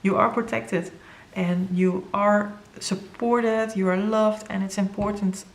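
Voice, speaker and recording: A woman with a Dutch first language giving an earnest, halting tarot reading to viewers, with many fillers and moments where she grows emotional. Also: mid-range voice, steady tone. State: emotional, near tears. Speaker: tarot reader.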